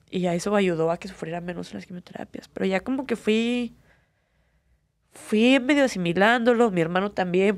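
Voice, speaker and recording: A woman's voice: mid-range voice, vocal fry, dry recording. A young woman with a Mexican accent, an MMA fighter telling her story earnestly in an interview, with many fillers. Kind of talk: candid personal interview.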